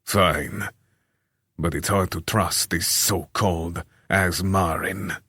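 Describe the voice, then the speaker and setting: A man voicing a bearded ruler with a deep voice, blunt and distrustful. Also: steady tone, slow pace, sharp tone, husky, no echo, exaggerated voice. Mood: wary. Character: bearded male ruler, gruff and wary.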